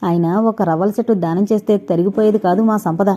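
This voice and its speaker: Give me a woman playing a determined young heiress, earnest and pleading, with a dark, warm tone. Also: mid-range voice, fairly even intonation, fairly quick, natural voice. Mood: calm.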